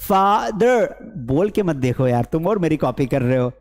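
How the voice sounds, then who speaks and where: High-voiced chatty Indian teacher, reverberant room. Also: male voice, big pitch swings, unhurried. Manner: chatty, asks and answers his own questions, mimics students. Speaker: English teacher. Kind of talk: classroom-style spoken English lesson.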